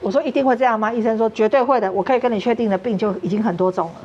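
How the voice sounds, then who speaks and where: A woman's voice: fairly high pitch, very fast, a little mellow, slightly rough, dull audio. A woman with a Taiwanese Mandarin accent, a talk show guest earnestly telling a personal story and acting out what others said. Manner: earnest, acts out quoted dialogue.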